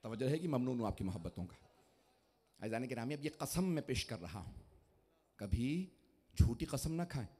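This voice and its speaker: A man preaching at a large religious gathering. His soft, low asides build into shouted, drawn-out lines for emphasis, and he keeps calling the crowd to pay attention. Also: lively intonation, breathy edge. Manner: repeatedly calls the audience to attention. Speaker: Shia cleric preaching at a majlis. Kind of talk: Urdu religious oration. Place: large public mourning gathering.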